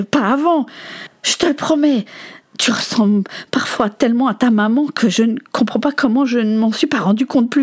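A woman voicing a shamed father, once a convict, who speaks haltingly and apologizes. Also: on the high side, a little mellow, voice pushed up, natural voice. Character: ashamed middle-aged father, former convict.

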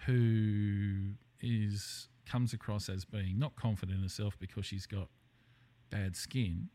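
Hosting a casual conversational podcast interview, a man rambles hesitantly and often trails off mid-thought. His voice is fairly low with fairly even intonation and a dark tone, and he speaks slowly.

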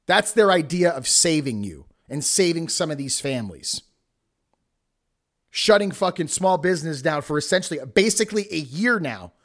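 A man with a somewhat high voice delivers a motivational speech as a show host. He is blunt and emphatic, preaching tough love directly to the listener. His talk is forceful and peppered with swearing. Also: lively intonation, normal speed. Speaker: podcast host.

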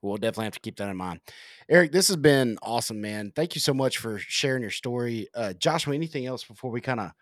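A man's voice: mid-range voice, animated, fast, dry recording, studio quality. A man co-hosting a podcast, adding short affirmations and wrapping up the talk. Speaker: podcast co-host. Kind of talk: casual interview chat.

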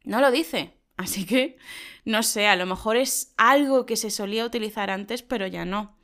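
A woman from Spain, co-hosting a lesson and explaining slang to learners in a lively, emphatic way. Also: a little high, normal speed. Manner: lively, emphatic, laughs often. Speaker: Spanish teacher and co-host.

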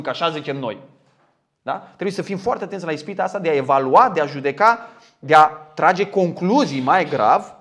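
High-voiced emphatic preacher man. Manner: emphatic, rhetorical questions, acts out quoted speakers. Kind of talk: sermon.

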